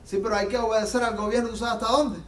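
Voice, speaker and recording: Male pastor, very high voice, fervent sermon delivery, heard from off-mic in an echoey church. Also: level tone, racing, fairly bright tone, recorded from a distance, a little hiss or hum. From Latin America. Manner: fervent, rising to emphatic peaks and dropping low. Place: church sanctuary.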